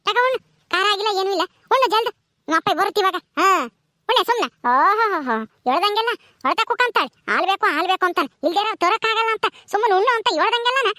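A woman's voice: very high voice, animated, quick pace, no echo, studio quality, heavily acted. A woman playing a poor village mother, scolding her hungry daughter in a village skit. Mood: exasperated. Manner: scolding, loud and exasperated. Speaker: actor in a village drama.

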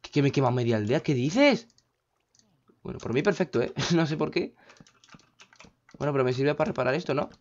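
A man's voice: medium pitch, fast talker, long pauses, darkish tone, dull audio. A man giving casual, rambling gameplay commentary, often breaking into panicky outbursts. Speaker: gaming YouTuber.

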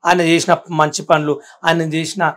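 A man's voice: fairly high pitch, little pitch movement, normal speed, fairly bright tone. A man with a Telangana Telugu accent, chatting in a casual interview and boasting with catchy rhymes he made up himself.

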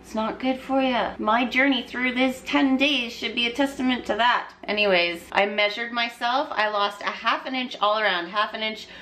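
A woman's voice: on the high side, normal speed, hardly any pauses, pushed and bright. A woman who works in nutrition, chatting casually and upbeat to her vlog audience. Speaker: nutrition vlogger.

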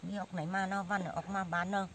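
A woman's voice: mid-range voice, flat delivery, fast, a bit bright. An elderly woman with a Cao Bang accent and an old woman's voice, chatting and telling stories casually as she is interviewed outdoors. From Cao Bang, northern Vietnam. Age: elderly, 70s or older. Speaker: villager being interviewed. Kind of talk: animated casual storytelling in conversation. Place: outdoors on a village dirt road, squatting by a rock. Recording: faint outdoor ambient noise.

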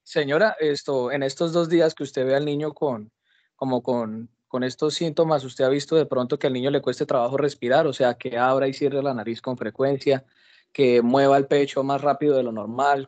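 A man's voice: mid-range voice, fairly even intonation, normal speed, a little mellow. A young man, answering his teacher in an online class and explaining carefully with many restarts. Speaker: medical student. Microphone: computer mic on a video call.

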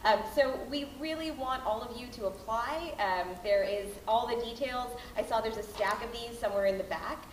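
A woman's voice: on the high side, moderate pace, few pauses, slight background noise. Bubbly Canadian woman in a roomy hall. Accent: Canadian English. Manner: bubbly, chatty, many fillers. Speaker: board chair announcing grants. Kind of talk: casual announcement speech. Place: large hall with a mural, indoors. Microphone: far camera, no microphone. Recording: roomy hall from a distant camera.

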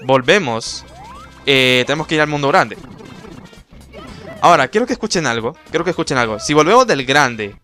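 A man giving casual, rambling gameplay commentary as a let's play host, with quick exclamations. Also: a little high, lively intonation, pushed and bright, faint music behind.

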